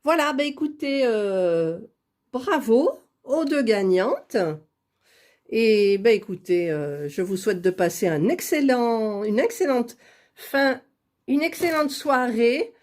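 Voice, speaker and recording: A woman's voice: a little high, lively intonation, takes it slowly, a little mellow. A woman chatting casually while drawing giveaway winners on a computer, laughing at her own fumbling. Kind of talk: casual screen-recorded vlog.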